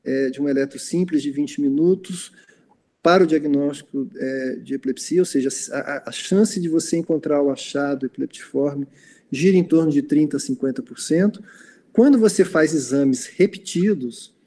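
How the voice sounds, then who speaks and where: A Brazilian man answers questions after an online lecture, circling back with fillers and restarts as he explains. His voice sits a little high but has a dark, mellow tone. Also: normal speed, a little hiss or hum. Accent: Brazilian Portuguese. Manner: hesitant, many fillers and restarts.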